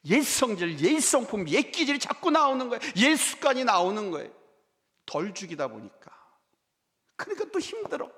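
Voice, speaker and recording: A man pastor preaching a sermon, telling stories and acting out both sides of a dialogue, swinging from loud emphasis down to near-whispers. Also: very high voice, wildly swooping pitch, normal speed. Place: church sanctuary. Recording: hall reverb from a church sanctuary.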